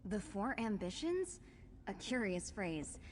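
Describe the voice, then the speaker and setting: A woman playing a composed, wary young sister in a fantasy video game, speaking in a formal, measured way. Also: mid-range voice, big pitch swings, slight background noise. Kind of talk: video game character acting.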